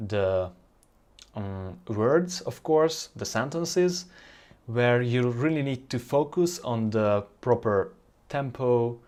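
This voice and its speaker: Hungarian-accented man explaining, mid-pitched. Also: animated, a little mellow. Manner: halting, searching for words, non-native phrasing. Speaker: language-learning presenter. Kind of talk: informal explanatory tutorial.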